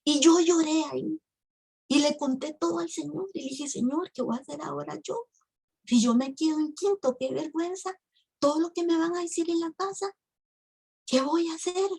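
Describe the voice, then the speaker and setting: Speaking to a women's ministry, a Costa Rican woman in her 50s tells her religious testimony with deep emotion, addressing listeners as sisters. Her voice sits high and sounds creaky with a darkish tone, delivered at a moderate pace.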